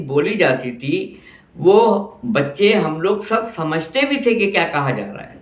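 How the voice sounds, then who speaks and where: Speaking slowly in a voice on the high side, an elderly man from Pakistan looks back fondly on his city for his vlog, repeating phrases to stress them. His reflective tone turns indignant over prices, and the lo-fi audio is dull and roomy.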